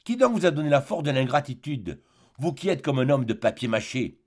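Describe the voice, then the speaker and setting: A man's voice: medium pitch, very animated, brisk. A man reading an audiobook, voicing a jealous, possessive spinster woman in her forties who pleads and reproaches. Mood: reproachful.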